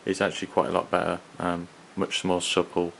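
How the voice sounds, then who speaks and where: A man giving an unscripted hands-on product review in a hesitant, halting, rambling manner. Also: low-pitched, monotone, rough recording. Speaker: gas mask collector and reviewer. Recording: clearly audible background noise.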